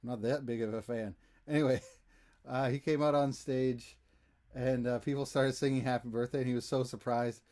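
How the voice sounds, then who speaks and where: A man's voice: mid-range voice, fairly even intonation, moderate pace, a little mellow. A man hosting a music live stream, chatting casually between songs in an easygoing, rambling way with self-deprecating jokes. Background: acoustic guitar.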